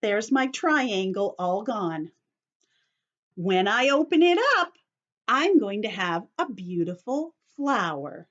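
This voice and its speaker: A children's teacher hosting an online story time leads young kids through a step-by-step craft lesson, using simple words, patient explanations and frequent check-in questions. Her mid-range, fairly bright voice swings widely in pitch with a sing-song, unhurried delivery. The sound is muffled, coming from her computer's built-in camera and microphone.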